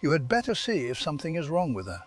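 A bold, determined male huntsman from a storybook, firm and brisk as he speaks, as a male narrator plays him. His pitch swings widely, and faint music plays behind. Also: wildly swooping pitch. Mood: concerned.

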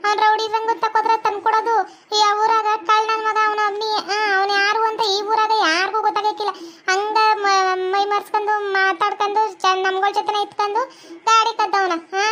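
A bossy, scolding village woman, as a woman voices her in a cartoon comedy, with a North Karnataka accent. Her voice is very high and squeaky, and she lectures quickly. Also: fairly bright tone. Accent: North Karnataka Kannada.

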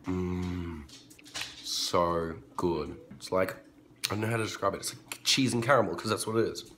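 A man's voice: sits low, steady tone, normal speed, a bit bright, slight background noise. A man chatting casually and enthusiastically in a daily vlog, rambling into asides. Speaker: vlogger. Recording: background music.

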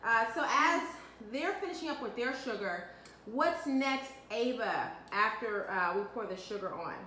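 30s mom coaching kids thru a recipe, high bright voice, really echoey kitchen, camera mic a few feet off. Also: female voice, lively intonation, unhurried. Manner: upbeat, coaching and prompting the kids. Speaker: mother leading a kids' cooking segment. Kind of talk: home cooking demonstration with children. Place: home kitchen, indoors. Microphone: camera mic from a few feet away. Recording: echoey kitchen with faint room noise.

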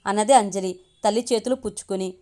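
A young woman tells a love story aloud in her natural voice, at a middling pitch. She carries the narration and every character's lines herself, without changing her voice for any of them. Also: fairly even intonation, quick pace, mellow. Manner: reads all characters' dialogue in her own voice.

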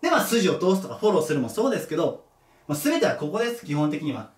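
A man's voice: on the high side, very animated, fast talker. A male teacher giving a casual lecture, thinking aloud and correcting himself as he goes. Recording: echoey room, mic at a distance.

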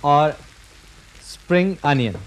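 A TV cooking host in his forties runs a televised demonstration in a studio kitchen, talking viewers through every step directly. He speaks slowly and expressively in a somewhat high voice, with a little background noise audible.

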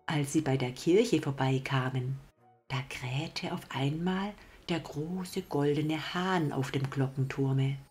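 A woman narrating a bedtime fairy tale in a warm, gentle, hushed storytelling manner. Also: low-pitched, slow, soft background music.

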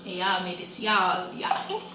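A woman's voice: on the low side, big pitch swings, slow pace, recorded from a distance. A young woman co-hosting a food vlog in a casual, slangy, laid-back way. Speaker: vlog co-host. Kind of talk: casual chat. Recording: echoey room, off-mic, background noise.

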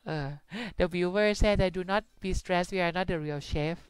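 A young woman with a Thai accent chats her way through a live game stream, swapping between languages and tossing out playful curses. Her voice sits a little low and comes across smooth and clean. The sound is dry and close, with no room around it. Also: extremely slow, no echo. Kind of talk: casual live game commentary.

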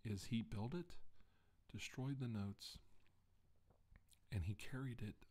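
Seated at a table in an indoor room with a mic right in front of him, a middle-aged man performs an ASMR deposition as a solemn doctor recounting his alien abduction. His warm, mid-range voice is grave and measured, halting and deliberate with long pauses.

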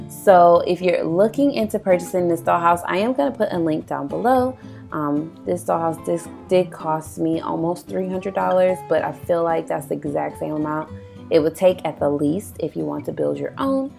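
A young woman with a tired, raspy voice, chatting enthusiastically through a doll collection tour in a voice-over, with plenty of ums. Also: low voice. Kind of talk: casual show-and-tell narration. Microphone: voice-over, not recorded on camera. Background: soft guitar music.

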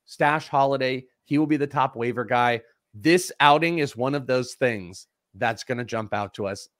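A man chatting on a live fantasy baseball show as the prospect analyst, rattling off stats in quick conversational bursts. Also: mid-range voice, fairly bright tone, no room sound, studio quality.

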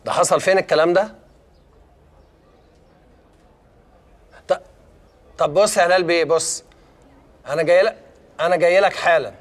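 An older man with an Egyptian Arabic accent playing an injured journalist who talks fast and flustered while dodging his own wedding. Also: on the high side, close to an everyday voice. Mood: urgent.

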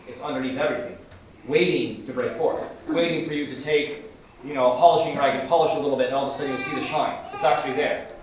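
A male priest giving a sermon in a church, telling stories with animated energy. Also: medium pitch, a little hiss or hum. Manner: animated storytelling. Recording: distant echoey church, dull sound.

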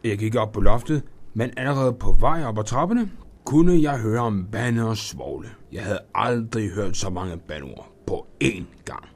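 A man in a studio reading a children's Christmas story aloud in a lively, expressive first-person voice. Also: lowish voice.

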